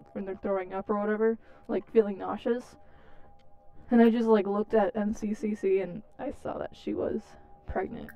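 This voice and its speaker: A woman with a lisp commenting on her game in a lively, up-and-down voice. Her tone is mellow and warm. She talks in nervous, self-conscious chatter. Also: mid-range voice, dull audio. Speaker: let's play gamer.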